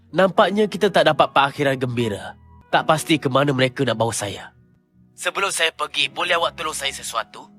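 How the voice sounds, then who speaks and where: An actor playing a noble, resigned hero in a dramatic dub, solemn and gentle. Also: male voice, mid-range voice, close to an everyday voice.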